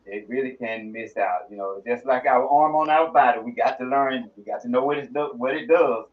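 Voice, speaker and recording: A man's voice: mid-range voice, a little fast. Earnest male artist, muffled audio. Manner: earnest, with many fillers and restarts. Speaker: music artist, guest. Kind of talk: interview answers.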